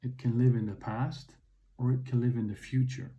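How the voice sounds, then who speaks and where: A man hosting his own podcast, speaking in a calm, earnest personal monologue. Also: mid-range voice, muffled recording. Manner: calm, earnest, unhurried reflection. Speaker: podcast host.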